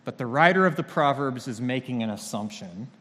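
A man's voice: medium pitch, lively intonation, brisk, a bit bright. A man preaching a sermon as a pastor, talking conversationally with dry humor. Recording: long reverb of a large hall.

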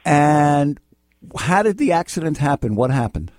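A man's voice: a little high, big pitch swings, a little slow, darkish tone, no room sound, studio quality. A middle-aged American man hosting live legal advice radio, talking bluntly and repeating himself in an exasperated, scolding way. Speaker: radio host and lawyer giving call-in legal advice. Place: radio studio.

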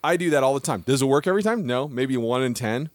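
A man co-hosting a podcast, talking in a lively, animated way and often laughing at his own jokes. His voice sits in an ordinary middle pitch. The recording is close and dry, with no room sound. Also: quick pace, dry recording. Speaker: podcast co-host. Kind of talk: casual podcast chat.

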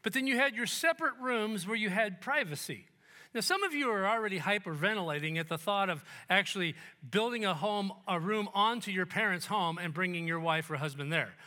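A male pastor preaching a sermon in church, conversational and joking, dropping to hushed tones at times. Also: high-pitched, animated, fairly quick. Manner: conversational and joking, with sudden soft, hushed quotes.

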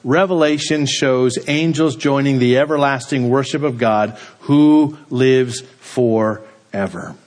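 A man preaching a sermon, slow and deliberate, letting his voice drop low and quiet at the end of each phrase. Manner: slow, deliberate delivery with dramatic drops in pitch and volume at phrase ends. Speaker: pastor.

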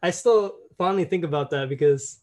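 A man's voice: on the high side, normal speed, a little mellow. A young man casually and reflectively sharing a personal story, often saying "you know".

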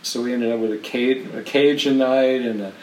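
A man's voice: mid-range voice, steady tone, normal speed, a little mellow, distant mic, slight background noise. Rambling man telling stories off-mic. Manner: rambling, full of restarts and laughs. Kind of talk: casual storytelling. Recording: roomy and from off-mic.

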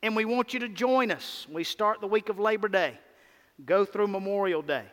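High-voiced Southern preacher man in a reverberant hall. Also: a bit bright. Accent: Mississippi drawl. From Mississippi, United States. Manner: emphatic, repetitive, with deliberate pauses and call-and-response. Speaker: pastor preaching. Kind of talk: sermon. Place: large church hall, preaching to a congregation.

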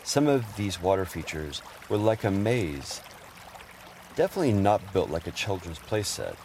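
A middle-aged man fondly narrating humorous family memories in a gentle storytelling manner. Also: low voice, sing-song, normal speed, slight background noise. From Houston, Texas area. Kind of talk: personal memoir narration.

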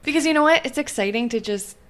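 A woman's voice: a little high, animated, quick pace, fairly bright tone. A woman in her thirties hosting a podcast, upbeat and encouraging toward her guest. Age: 30s. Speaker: podcast host. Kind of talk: casual podcast interview.

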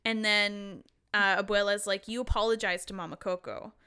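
A young woman co-hosting a podcast, chatting frankly and casually about a film, with quick asides and swearing. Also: medium pitch, steady tone, sharp tone, clear, resonant tone. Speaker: podcast co-host. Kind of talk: casual chat recapping a film.

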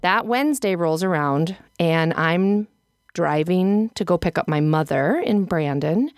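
A middle-aged woman from South Dakota co-hosting a podcast, telling a rambling, animated story with frequent laughs and restarts. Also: fairly low pitch, measured pace, dry recording, clean studio sound. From South Dakota, United States. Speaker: podcast co-host. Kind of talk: casual podcast chat.

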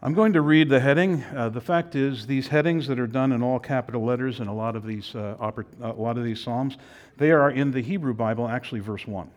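An older man, a pastor, preaching a sermon in a folksy, halting way with many restarts. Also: medium pitch. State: out of breath.

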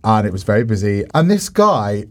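A man co-hosting a podcast, chatting casually, swearing freely and telling quick stories. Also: on the low side, very animated. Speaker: podcast co-host. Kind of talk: casual chat.

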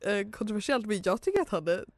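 A woman's voice: medium pitch, big pitch swings, dry recording, clean studio sound. A woman co-hosting a casual chat, talking hesitantly and laughing easily. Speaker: podcast co-host.

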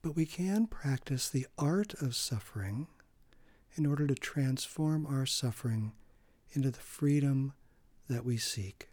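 Male meditation guide, unhurried and soothing, mellow tone, soft breathy trail at phrase ends, dry close sound. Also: mid-range voice, expressive, no echo.

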